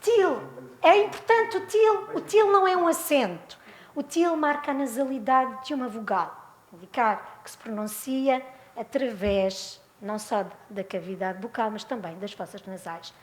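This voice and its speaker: A woman with a European Portuguese accent giving a talk on spelling, lively and full of rhetorical questions. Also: a little high, unhurried, roomy sound. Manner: animated, asks rhetorical questions. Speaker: lecturer.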